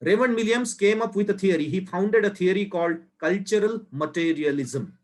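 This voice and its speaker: A man from India giving an academic lecture in a slow, deliberate way, pausing between phrases. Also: high voice.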